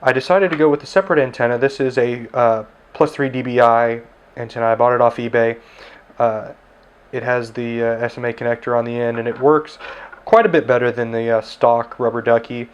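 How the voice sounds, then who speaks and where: At his desk indoors, a man who reviews tech and runs ham radio talks casually through a handheld radio, with plenty of filler words. His steady mid-range voice is fairly quick and clean in tone, though the recording is lo-fi.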